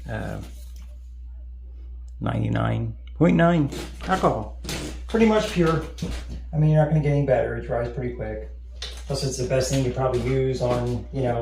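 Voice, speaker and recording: This man mumbles and thinks aloud while fixing electronics at his home workbench, giving casual narration in a mid-range voice with vocal fry. The recording is echoey, with loud noise in the background.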